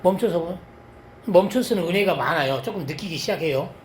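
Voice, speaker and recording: Male pastor, middle-aged, fairly high voice, animated sermon storytelling, loud bursts and hushed asides, echoey church, faint hiss. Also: fairly quick. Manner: animated storytelling, swinging between loud exclamations and low asides. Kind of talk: sermon with personal testimony. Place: church sanctuary.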